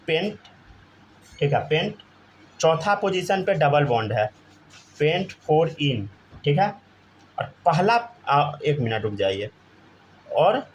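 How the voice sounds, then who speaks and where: Male chemistry teacher, slightly high voice. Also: slight background noise. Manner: keeps asking students to answer, often says "theek hai". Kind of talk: live classroom lesson.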